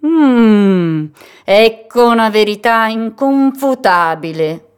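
Woman putting on a nasal storybook hyena, sly, smug, menacing, drawn-out syllables. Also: a little high, lively intonation, clear, resonant tone, pitched above the performer's own voice. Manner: slow, drawn-out, purring speech. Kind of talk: storybook reading.

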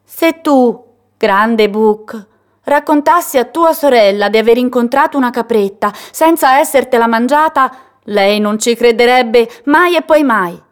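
Woman playing a little female goat kid, high voice, bold and cheeky, storybook. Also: unhurried, close to an everyday voice. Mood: pleading. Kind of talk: storybook reading.

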